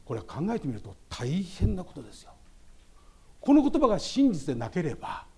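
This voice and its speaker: A man from Japan preaches a memorial service sermon as pastor, speaking emphatically and calling out to the congregation again and again. His voice sits fairly high, swings widely in pitch and sounds mellow and husky. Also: huge pitch swings, brisk.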